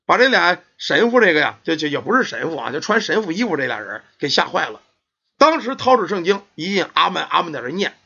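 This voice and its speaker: Animated storyteller. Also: male voice, fairly high pitch, quick pace, slightly rough. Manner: animated, colloquial. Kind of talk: oral folk tale storytelling. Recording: dull lo-fi recording.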